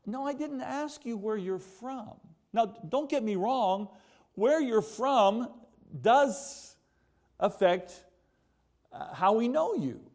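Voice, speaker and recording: An American preacher delivers a conversational sermon, posing rhetorical questions and repeating points for emphasis. His voice is very high-pitched and expressive, with a slow pace and a darkish tone.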